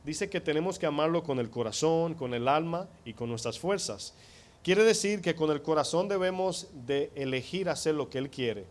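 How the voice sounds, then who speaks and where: A man's voice: on the high side, expressive, normal speed. A man preaching a sermon, explaining scripture in a teaching tone and often asking the congregation rhetorical questions. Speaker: pastor.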